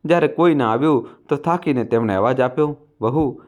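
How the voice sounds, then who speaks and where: A man narrating a family story in a steady, even storytelling manner. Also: mid-range voice, fast. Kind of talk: scripted narration.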